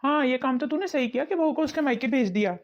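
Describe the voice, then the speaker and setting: A woman voicing a calm, fair father-in-law. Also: high voice, quick pace. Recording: dull lo-fi recording.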